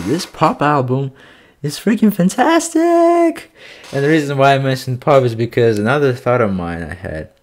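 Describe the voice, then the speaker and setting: A young man hosting a casual music reaction review, excitable and slangy, full of fillers. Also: lowish voice.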